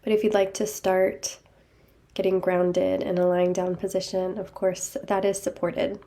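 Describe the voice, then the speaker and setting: A woman leading a guided meditation over a video call, speaking gently and soothingly. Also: mid-range voice, flat delivery, a little slow.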